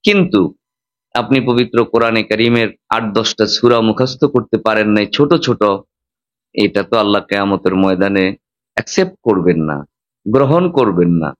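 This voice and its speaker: A man's voice: on the low side, animated, moderate pace, muffled recording. Teacherly preacher man. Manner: teacherly, demonstrates Arabic pronunciation, emphatic rises and drops. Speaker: Islamic preacher. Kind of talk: sermon.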